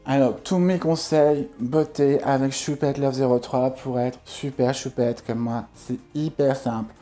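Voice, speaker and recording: A man's voice: medium pitch, steady tone, a little slow, warm tone, faint music behind, voice pushed up, close to an everyday voice. A man voicing a vain, ditzy, money-loving female beauty influencer in a parody vlog, gushy and affected. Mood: smug, airheaded. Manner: affected, airheaded, hesitant.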